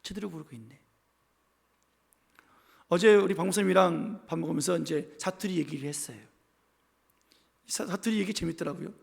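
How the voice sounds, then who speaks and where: Pastor guy preaching, high voice w a gravelly edge, big church echo, calls and the crowd answers back. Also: fairly quick. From Seoul capital region. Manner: emphatic preaching, leads the congregation in call-and-response; acts out quoted voices in his telling. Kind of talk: sermon. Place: church sanctuary, indoors. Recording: long reverb of a church sanctuary.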